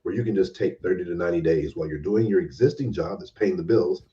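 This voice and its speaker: A man's voice: sits low, fast talker, warm tone, far from the mic, highs cut off. A man talking as a guest on a podcast, giving earnest, emphatic advice and repeating key phrases. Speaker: guest developer advocate. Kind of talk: casual podcast conversation.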